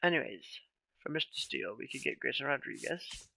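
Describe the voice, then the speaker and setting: Gravelly bright-voiced male streamer. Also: mid-range voice, fairly quick. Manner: relaxed, rambling, with many fillers and trailing questions. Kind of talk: casual live-stream chat with viewers.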